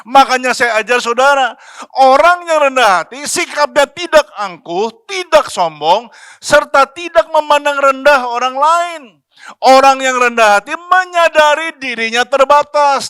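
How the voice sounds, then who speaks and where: A man's voice: very high-pitched, expressive, moderate pace, bright, forceful tone, smooth, dry recording, studio quality. A man preaching a sermon as pastor, talking in a chatty, slangy way and asking the congregation questions. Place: church.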